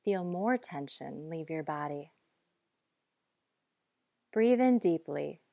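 A woman guiding breathing and muscle relaxation in a calm, measured, instructive way. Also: low-pitched, vocal fry, no room sound, studio quality. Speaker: guide.

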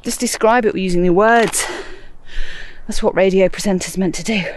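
Speaking at normal speed with a medium pitch, a middle-aged woman hosts a gardening podcast from her garden, planting as she talks. She's a little out of breath, chatty and amused at herself, and there's a little hiss or hum on the recording.

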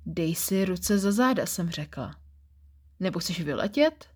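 A woman's voice: lowish voice, lively intonation, a little mellow, slightly rough. A woman reading the part of a strict, commanding female office boss, giving clipped, stern orders.

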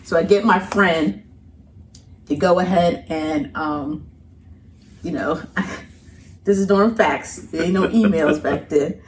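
A woman's voice: slow pace, long pauses. A middle-aged woman telling a personal story in a casual, colloquial way as a podcast guest. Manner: animated, colloquial, breaks into laughter and high voices when quoting. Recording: distant mic with faint background noise.

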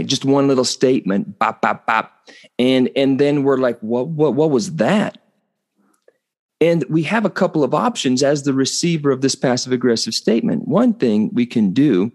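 A man's voice: mid-range voice, a little mellow. Male podcast host, mid-range voice, earnest solo monologue, prone to restarts. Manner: earnest, explanatory, with frequent restarts and repeated words.

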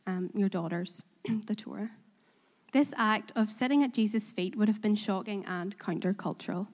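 Preaching in a Belfast church, this Korean-accented woman speaks earnestly, pokes fun at herself and asks the congregation questions. The hall is reverberant, and her mid-range voice carries a darkish tone.

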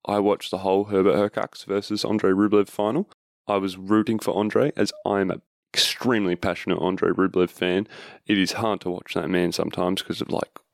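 A man hosts a casual sports podcast by himself, recovering from having his wisdom teeth pulled. His voice sits very low with plenty of vocal fry, recorded close and dry. He rambles informally and interrupts himself as he goes. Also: dry recording. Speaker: podcast host.

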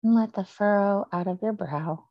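A woman leading a guided breathing meditation, speaking slowly and softly with long pauses. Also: mid-range voice, no room sound, lo-fi sound. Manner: slow, soft and soothing with long pauses.

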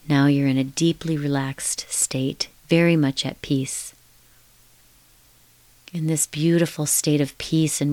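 A woman leading a guided hypnotic relaxation in a slow, soothing, hushed countdown manner with repetitive, lulling phrasing. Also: low voice, no echo.

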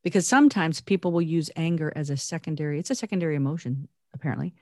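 A woman's voice: low voice, fast talker, darkish tone, no echo, clean studio sound. A woman co-hosting a casual faith-based chat, earnest and intense, laughing often as she talks. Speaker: podcast co-host.

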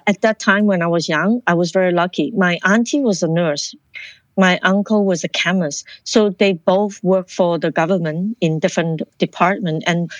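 Her voice sits on the low side, recorded dry. She's a Hong Kong woman being interviewed, sharing her life story in an earnest, thoughtful manner and often starting her sentences over.

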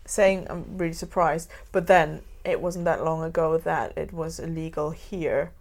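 A woman's voice: deep voice, fairly even intonation, unhurried, darkish tone. A woman from Germany in casual conversation, responding often with short agreements and laughter. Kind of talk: casual chat.

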